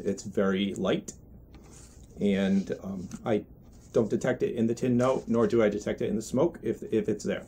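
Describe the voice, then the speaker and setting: A man giving a casual product review as a pipe tobacco reviewer, talking in a halting, deliberate, thoughtful way. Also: fairly low pitch, darkish tone, a little hiss or hum.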